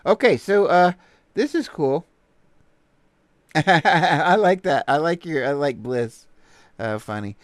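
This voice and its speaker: A man's voice: a little high, expressive, takes it slowly, long pauses, dry recording, studio quality. A man with a Texan accent hosting a casual livestream, rambling playfully and greeting viewers while he browses. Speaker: livestream host.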